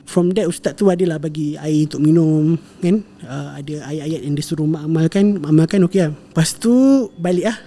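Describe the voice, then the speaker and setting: Dark-voiced young man telling a story. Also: fairly high pitch, steady tone, brisk, hardly any pauses. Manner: rambling retelling with frequent fillers and self-corrections, mixing in English words. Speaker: guest sharing a family story. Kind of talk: casual storytelling conversation.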